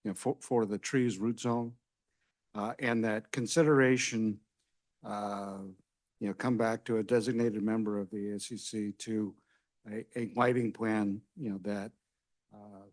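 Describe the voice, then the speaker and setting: Guy on a town committee, lots of "you know"s, lowish voice, dry close sound. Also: fairly even intonation, dry recording. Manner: halting, full of "you know" and "uh". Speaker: committee member. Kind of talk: making a motion at a public meeting.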